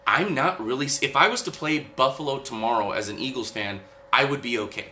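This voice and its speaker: A man talking football casually as a podcast host, halting and repeating himself, opinionated and loose with swearing. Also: medium pitch, sharp tone. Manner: halting, repetitive, profane, opinionated. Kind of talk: casual football recap chat. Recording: roomy echo, faint background noise.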